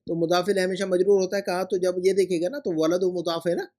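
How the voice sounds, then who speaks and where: Patient male teacher, slightly high voice. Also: fast talker, dark tone. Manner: explanatory, repeats rules and asks "है ना" often. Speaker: Arabic teacher. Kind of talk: homework correction lesson.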